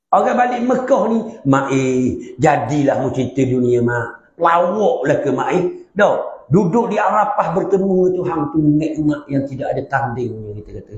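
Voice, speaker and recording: A man giving a religious class, humorous and animated, often checking with questions to the class. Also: a little high. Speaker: religious teacher. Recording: roomy, slightly dull recording.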